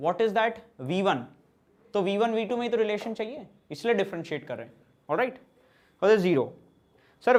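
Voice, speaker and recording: A high-voiced man from central India teaches physics slowly in an online class lecture. He mixes Hindi and English, reading out student questions and answering them.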